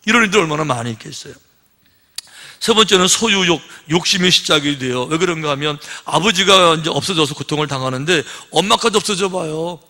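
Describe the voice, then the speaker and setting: A man's voice: on the high side, expressive, brisk, bright, forceful tone. A male pastor preaching a sermon in a conversational style, full of rhetorical questions and little acted-out scenes. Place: church sanctuary. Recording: long reverb of a church hall.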